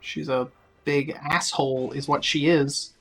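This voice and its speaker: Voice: medium pitch, steady tone, a little slow, creaky, slightly rough, poor audio. A player giving casual gameplay commentary, offhand and often muttering while concentrating on the game. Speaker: video game streamer.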